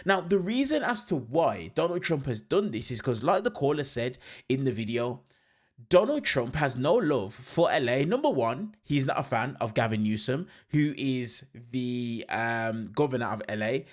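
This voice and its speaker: A man's voice: mid-range voice, very animated, normal speed. Man explaining politics in casual commentary. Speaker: commentary channel host.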